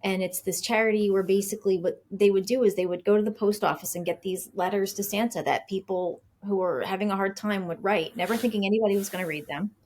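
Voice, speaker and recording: A woman's voice: medium pitch, fast talker, few pauses. Chatty woman telling a story in an interview. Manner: chatty, animated storyteller who acts out quoted dialogue; frequent fillers and restarts. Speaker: author and podcast guest.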